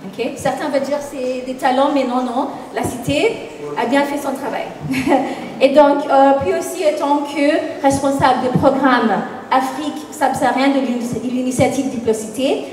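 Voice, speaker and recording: A woman's voice: sits high, steady tone, darkish tone, a little hiss or hum. Kenyan woman summing up in a hall. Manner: measured, formal, occasional self-corrections. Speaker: program manager and moderator. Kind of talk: conference closing summary. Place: large conference hall. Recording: very echoey hall, distant mic.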